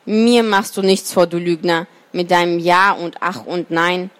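A woman's voice: on the low side, steady tone, unhurried, lightly acted. A woman voicing a bold young boy hero who questions the animals in a storybook reading.

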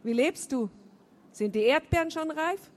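A woman's voice: high voice, expressive, unhurried, voice pushed up. A woman reading aloud and voicing an exuberant, boisterous man coming back home, laughing as he talks. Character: exuberant loud middle-aged man returning home.

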